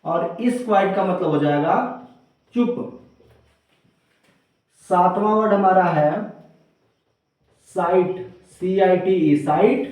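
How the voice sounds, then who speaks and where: A man's voice: high-pitched, slow, pauses often, a little mellow. A male teacher giving a grammar lesson, spelling out words letter by letter and repeating each term. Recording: roomy echo, from far off.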